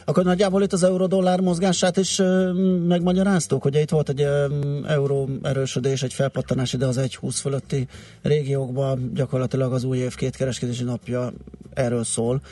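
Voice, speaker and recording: Mellow-voiced man asking market questions. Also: medium pitch, little pitch movement, dry recording, far from the mic. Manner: conversational questioning, brief backchannels. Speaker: radio host. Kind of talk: interviewing on business radio.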